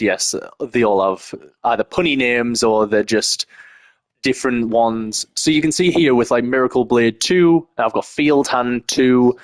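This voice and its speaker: A young man talks through his game in a loose, chatty way, wandering off mid-sentence. His voice sits at an ordinary middle pitch. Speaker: gaming YouTuber. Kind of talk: casual gameplay commentary.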